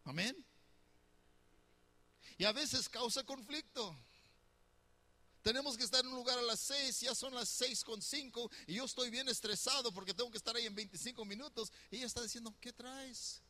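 A man's voice: very high voice, normal speed, long pauses, sharp tone. A middle-aged man preaching a conversational sermon as pastor, teasing his listeners and putting questions to them. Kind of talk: sermon on marriage.

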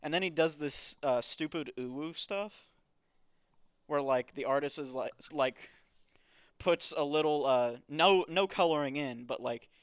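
A man's voice: a little high, unhurried, clear, resonant tone, no room sound, studio quality. A man hosting a podcast, casually recapping a comic in a wry, dismissive way. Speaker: podcast host.

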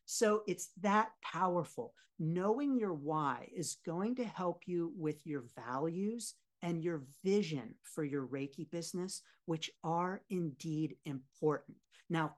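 A woman teaching a live online workshop as a business coach, encouraging her audience, repeating key phrases and answering the chat with lots of affirming yeses. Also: low-pitched.

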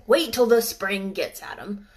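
A woman voicing a gruff, grumbling old male gardener with a put-on in an audiobook. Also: medium pitch, a little slow, close to an everyday voice. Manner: gruff, grunting, clipped old-fashioned speech. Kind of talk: audiobook character voice.

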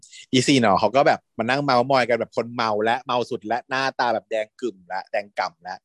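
A man retelling a series in casual chat, camp and lively, acting out the characters' lines. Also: mid-range voice, brisk, no room sound. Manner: animated, camp, switches into character voices. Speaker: storyteller recapping a series. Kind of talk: casual retelling with acted quotes.

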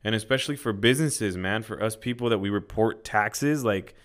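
A man's voice: lowish voice, brisk, fairly bright tone. A man in casual podcast chat, emphatic and full of "like", with some swearing. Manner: emphatic, frequent filler "like", occasional swearing. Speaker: podcast co-host.

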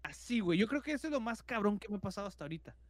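A man's voice: sits high, big pitch swings, rapid-fire, dry recording. A man with a Mexican accent, co-hosting a podcast and telling a horror story casually, filling nearly every phrase with slang and acting out sound effects. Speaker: podcast co-host.

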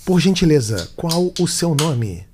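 A talking parking-ticket machine voice, slow and stiff, with a fussy, formal politeness and a somewhat high pitch, as a man puts it on while telling a story. Each word comes out measured and mechanical, like an automated announcement. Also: sing-song, darkish tone, faint music behind. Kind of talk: reenacting a comedy prank in casual chat.

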